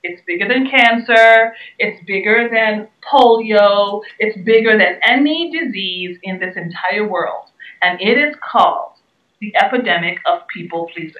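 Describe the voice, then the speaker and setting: A woman's voice: mid-range voice, unhurried. A woman from the Bahamas answering interview questions in an earnest, emphatic way, leaning on repeated key words. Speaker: guest speaker and entrepreneur. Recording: roomy, distant, dull sound.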